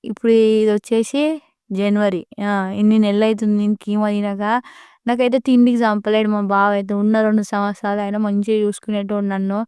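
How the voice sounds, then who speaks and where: A young woman with a Telangana Telugu accent talks slowly and sorrowfully in a personal vlog. Her voice is clear and stays on a flat, even pitch. The sound is dry and close to the mic. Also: no room sound. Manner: slow, sorrowful storytelling. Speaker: vlogger. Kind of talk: casual personal vlog talk.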